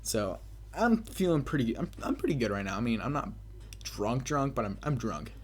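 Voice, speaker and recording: Chatting to his viewers like a gameplay commentator, a young adult man spins a casual, rambling story in a sing-song, mid-pitched voice at normal speed. His swearing flows freely, and his bravado is crude and self-mocking.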